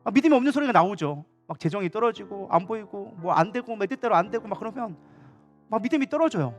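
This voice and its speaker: A man's voice: sits high, lively intonation, fast, faint music behind. A male pastor preaching a sermon to his church in a passionate, conversational way. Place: church sanctuary during a Wednesday evening service.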